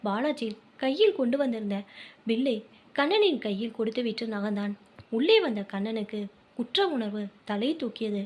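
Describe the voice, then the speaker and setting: A woman with a Tamil accent reads a family short story aloud. Her voice sits a little higher than most women's. She carries both the narration and the characters' lines in the same steady voice. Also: moderate pace. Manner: reads dialogue and narration in one voice.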